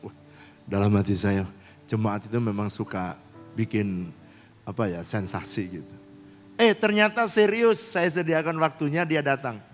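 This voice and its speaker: A man's voice: fairly low pitch, moderate pace, faint music behind. A male pastor preaching a sermon, telling stories and acting out dialogue, recorded in a church hall. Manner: storytelling, acts out dialogue, mixes in English phrases. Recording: long church-hall reverb.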